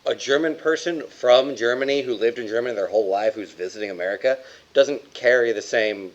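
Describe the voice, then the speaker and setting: A man's voice: medium pitch, fairly quick, dull audio. A man chatting as a player in a tabletop game, jokey and thinking aloud. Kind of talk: casual chat while playing a tabletop game.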